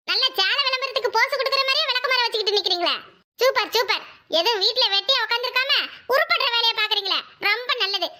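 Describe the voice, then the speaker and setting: A sly, gossipy young village woman for a cartoon, in a squeaky, piercing voice with a Kanyakumari Tamil accent. She rattles along fast and mocks everyone with theatrical flair, over a faint hiss. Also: sharp tone, heavily acted. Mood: teasing. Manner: mocking, theatrical wailing, gossipy. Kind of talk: cartoon voice acting.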